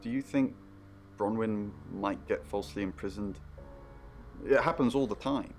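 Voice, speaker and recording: A somewhat low male voice, an actor playing a tense investigator in a mystery game. He sounds worried and earnest and keeps it low-key. Faint music runs beneath his lines. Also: normal speed, darkish tone, close to an everyday voice. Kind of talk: game character dialogue.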